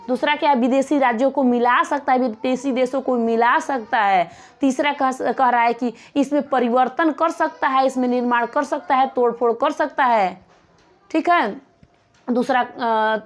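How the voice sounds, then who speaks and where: A woman teaching a lesson in a high, bright-pitched voice. She asks rhetorical questions and circles back over each point slowly, like a coaching-class teacher explaining to students. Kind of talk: classroom lecture.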